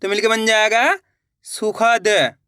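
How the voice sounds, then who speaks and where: Slow encouraging Hindi reading teacher, man. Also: high voice, steady tone, bright, forceful tone, clean tone, dry recording. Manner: drawn-out syllable-by-syllable word readings; encouraging, addresses viewers as friends. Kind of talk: slow spelled-out reading lesson.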